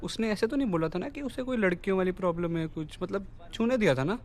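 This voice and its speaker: A man's voice: high voice, lively intonation, fast. An actor playing a jilted young man who keeps asking a friend prying questions over drinks. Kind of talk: film dialogue. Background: film score.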